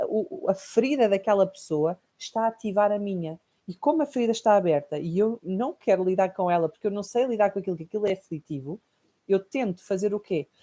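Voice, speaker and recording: A woman with a European Portuguese accent teaching a recorded online lesson in a reflective, explanatory way, often checking in with tag questions. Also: medium pitch. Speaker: course teacher.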